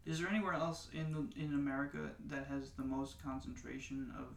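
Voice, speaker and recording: A man's voice: a little high, steady tone, brisk, recorded from a distance, slight background noise. A man from Staten Island co-hosting a casual, joking podcast chat, recorded in an echoey room. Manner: joking, conversational. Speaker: podcast co-host.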